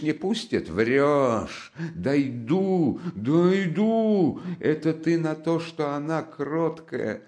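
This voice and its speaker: A man's voice: medium pitch, voice pushed up. A man reading an audiobook, voicing a frantic, destitute middle-aged woman who screams insults. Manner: hysterical, scolding, screaming insults.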